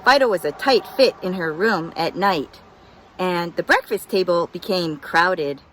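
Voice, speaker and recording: A woman's voice: fairly low pitch, lively intonation, measured pace, fairly bright tone, slight background noise, rough recording. A woman narrating a children's picture book as a scripted story reading.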